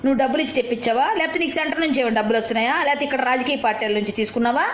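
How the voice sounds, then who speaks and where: A woman's voice: sits high, racing, slight background noise. A woman delivering an angry, confrontational rant at a rival, firing off rhetorical questions and scolding. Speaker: video commentator. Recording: roomy echo.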